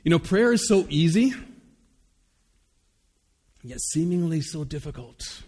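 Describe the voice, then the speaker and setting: Male pastor, earnest conversational sermon, somewhat high voice, long church reverb. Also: big pitch swings, unhurried, darkish tone. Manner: earnest, conversational, with occasional fillers.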